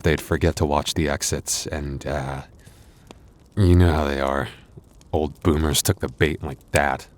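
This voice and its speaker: In an intimate ASMR roleplay, a man with a bass voice plays a werewolf boyfriend who is wounded yet tender and protective. He sounds weary and hurting, speaking haltingly with soft earnestness.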